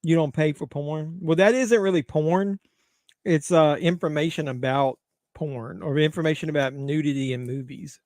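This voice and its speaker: A man's voice: fairly high pitch, steady tone, moderate pace, darkish tone, no echo, clean studio sound. A middle-aged man hosting a casual movie watch-along stream, bantering crudely with his chat from home. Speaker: livestream host.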